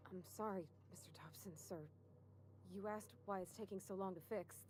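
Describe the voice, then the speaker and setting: An actress playing a timid, apologetic young mechanic in a video game, hesitant and folksy. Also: female voice, mid-range voice, steady tone, normal speed, darkish tone, a little hiss or hum, lightly acted. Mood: nervous, apologetic. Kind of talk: video game character acting.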